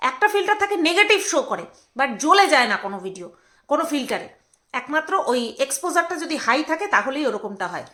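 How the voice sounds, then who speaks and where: A woman's voice: sits high, very animated, quick pace, bright, forceful tone. A woman with a Bengali accent, ranting in a commentary video, scolding and mocking with coarse insults and hesitant fillers between outbursts. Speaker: commentary vlogger.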